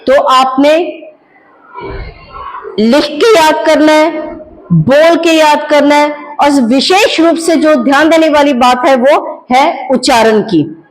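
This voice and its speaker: A woman teaching Hindi grammar to students, drawing out each word slowly so they can copy her pronunciation and calling them "beta" as she explains. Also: sits high, poor audio. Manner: slow, drawn-out pronunciation of words for students to copy; addresses students fondly as "beta".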